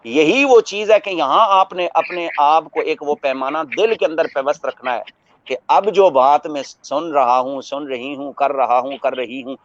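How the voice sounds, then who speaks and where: A man's voice: on the high side, no echo. Man preaching on radio. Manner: measured preaching, quoting Arabic verses and explaining with everyday examples. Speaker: religious scholar. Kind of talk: religious talk on a radio broadcast. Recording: muffled radio broadcast audio.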